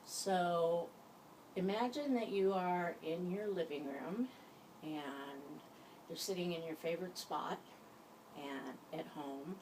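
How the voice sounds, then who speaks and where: A woman leading an informal guided hypnosis session, giving gentle instructions in a halting way. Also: lowish voice. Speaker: hypnosis practitioner. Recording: distant mic, faint background noise.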